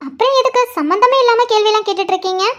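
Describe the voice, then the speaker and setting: A woman voicing a caring young woman who asks a friend probing, gently persistent questions in a cartoon. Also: extremely high pitch, rapid-fire, lo-fi sound. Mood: curious.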